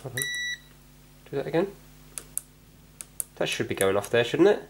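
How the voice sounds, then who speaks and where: At an indoor workbench, a man hosts a hobby repair video, chatting casually and thinking aloud as he works, often second-guessing himself. His voice is gravelly and medium-pitched, very animated, at a normal speed.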